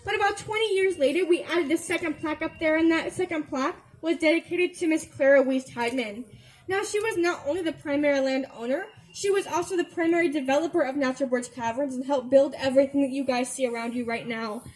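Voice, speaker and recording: A woman's voice: high voice, fast talker, darkish tone, poor audio. A woman giving a rehearsed, informal tour talk as a guide. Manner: informal, instructive.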